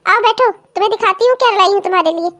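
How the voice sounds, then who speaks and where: A scheming old cartoon mother-in-law who rules her household with threats and coos over her own daughters. The voice is shrill and very high, with a bossy, scolding bite. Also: fast, a bit bright. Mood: doting. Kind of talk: cartoon comedy voice acting.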